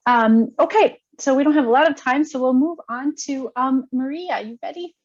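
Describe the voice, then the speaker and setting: A woman's voice: high-pitched, normal speed, no room sound. Woman moderator, dull lo-fi sound. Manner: warm thanks, hesitant with ums. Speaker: forum moderator. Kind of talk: moderating an online panel.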